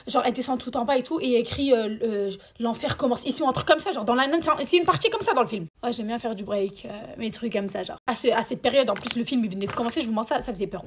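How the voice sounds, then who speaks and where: A woman rattling through a storytime for her viewers, with a fairly high, slightly husky voice. She talks fast, swears freely and breaks off into exasperated rants, keeping the delivery animated and crude. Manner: exasperated ranting asides. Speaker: storytime vlogger. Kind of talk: storytime chat to camera.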